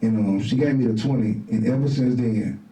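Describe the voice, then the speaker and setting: A middle-aged man, a podcast guest telling stories casually and acting out quoted voices loudly. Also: mid-range voice, fairly quick. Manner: animated, acts out quotes in raised voice. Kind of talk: casual storytelling. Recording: roomy, distant mic.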